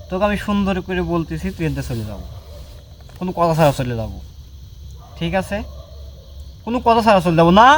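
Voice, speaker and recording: A man's voice: fairly high pitch, slight background noise. A man working as a ghost hunter, confronting an unseen spirit at night with commanding, scolding talk and repeated short orders. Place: outdoors at a bamboo grove at night.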